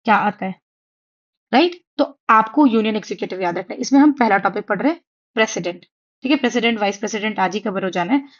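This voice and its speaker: An expressive young woman with a mid-range voice moves at a quick pace through an online exam-prep lecture, and the audio is dull. She talks in a Hindi-English mix while writing on a tablet, chatty and reassuring, often checking in with "theek hai?"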